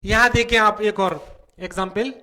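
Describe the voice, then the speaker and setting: Male grammar teacher, North Indian Hindi accent, high, bright voice, slow and repetitive delivery. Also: steady tone. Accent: Hindi-speaking North Indian. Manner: slow, repetitive explaining with frequent "ठीक है". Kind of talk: whiteboard grammar lesson.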